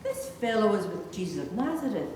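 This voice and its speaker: A woman of medium pitch and darkish tone delivers several minor parts of a dramatised Bible reading in a sing-song, fairly quick manner. The reverberant church and far-off microphone make it very echoey, with faint noise.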